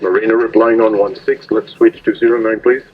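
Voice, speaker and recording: A man's voice: on the low side, flat delivery, brisk, a little hiss or hum. A man working as a marina radio operator, speaking courteously and procedurally over VHF marine radio. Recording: muffled marine radio transmission.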